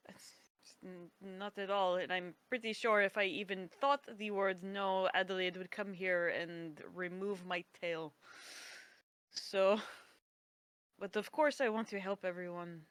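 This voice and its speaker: A woman playing a tabletop role-playing game, speaking casually in character, tentative and halting. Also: medium pitch, fairly even intonation, a bit bright, clear, resonant tone, dry recording.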